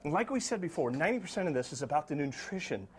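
A chatty, upbeat man in his forties hosts a live morning TV segment, his voice sitting a little higher than most men's. He speaks on a lapel mic in a studio kitchen. Faint studio noise and pan sizzle sit underneath his voice. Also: sing-song. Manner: upbeat, chatty, quick to laugh. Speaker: morning TV host. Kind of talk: live morning show banter.

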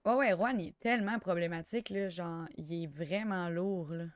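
A young woman with a Quebec French accent chatting through a life-sim game, excitable and sprinkling in English slang. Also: lowish voice, normal speed. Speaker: gamer. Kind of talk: let's play commentary.

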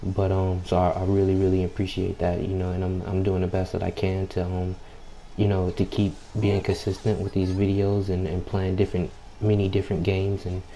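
Young man, gaming YouTuber. Deep, subdued, unhurried voice, extremely flat delivery, casual slangy commentary. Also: poor audio. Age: young adult. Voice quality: low, subdued voice. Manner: unhurried, laid-back, slangy, frequent "you know" filler; keeps clearing throat. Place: at home late at night, people nearby. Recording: home mic with background noise.

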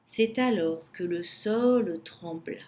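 A woman narrating a children's storybook in a slow, expressive way. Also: on the low side.

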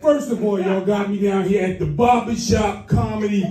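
A man from Boston doing a loud, crude stand-up set, shouting at the crowd in a comedy club. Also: high-pitched, steady tone, normal speed, recorded from a distance. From Boston, US East Coast. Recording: roomy club sound from afar, music.

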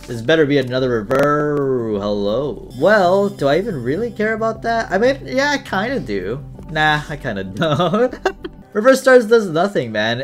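A young man giving casual, excitable commentary while playing a video game, laughing often and talking to himself. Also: medium pitch. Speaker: gaming YouTuber.

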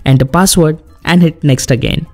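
Mellow-voiced man giving tech steps. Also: a little high, faint music behind. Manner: plain, instructional, brisk commands. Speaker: tech tutorial host. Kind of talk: step-by-step tutorial voice-over.

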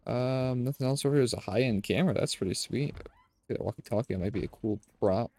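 A young man with a nasal, medium-pitched voice talks fairly quickly through a headset, casually narrating his gameplay for viewers. This gaming streamer sounds relaxed, calls his audience "boys," and records indoors in a room at home.

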